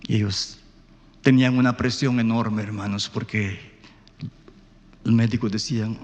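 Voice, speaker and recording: Pastor guy preaching, story mode, goes soft then loud, big echoey church. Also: on the low side, fairly even intonation, measured pace. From Guatemala. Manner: storytelling, swings from hushed to loud. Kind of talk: sermon.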